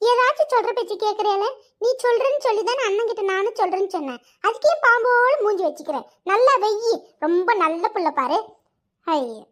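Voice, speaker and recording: A woman voicing a whole family in a cartoon comedy, switching quickly between roles. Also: very high-pitched. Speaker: voice artist playing a whole family.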